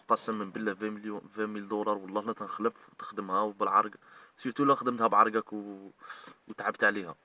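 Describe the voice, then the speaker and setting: This man's fairly low voice sounds bright and forceful, recorded far from the mic. An online commentator with an Algerian Arabic accent, he emotionally scolds and rants in a heated video, aimed directly at those he means.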